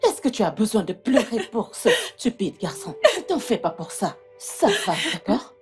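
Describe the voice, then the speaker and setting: A woman's voice: sits high, animated, moderate pace, soft background music. A woman voicing a domineering, scornful mother in a French film dub, mocking and scolding. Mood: soothing. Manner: mocking and scolding, then hushed and coaxing. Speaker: mother of the bride.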